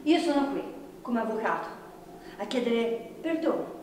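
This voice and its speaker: A fussy, anxious defense lawyer, played by an actress, pleading in a fairly high voice. She is heard from far off in a big hall that rings with long reverb. Audience room noise sits clearly behind her. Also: big pitch swings, normal speed, a little mellow. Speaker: stage actress. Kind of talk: live theatre performance. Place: large echoey gallery hall. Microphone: distant room mic.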